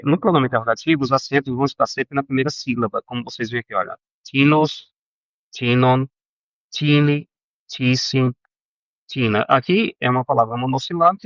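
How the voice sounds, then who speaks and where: A man teaching a recorded Greek grammar lesson, halting with fillers and self-corrections and often checking in with his students. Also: medium pitch, vocal fry, fairly bright tone, no room sound, dull audio.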